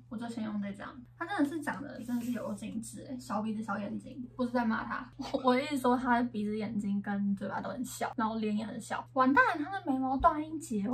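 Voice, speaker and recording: A young woman with a fairly high voice and a Taiwanese Mandarin accent gives casual, expressive game commentary. Her speech is slightly lisped from wearing retainers, and she sounds a little away from the microphone. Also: far from the mic, rough recording. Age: young adult. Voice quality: slight lisp from wearing upper and lower retainers. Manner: playful, expressive, self-talking. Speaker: gaming vlogger. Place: indoor room at home.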